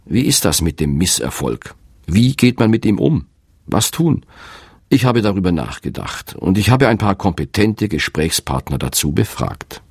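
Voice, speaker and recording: A man's voice: sits low, very animated, normal speed, vocal fry, darkish tone, breathy edge, no room sound, clean studio sound. A middle-aged man, an author, narrating in a candid, reflective and self-deprecating way. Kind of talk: scripted narration.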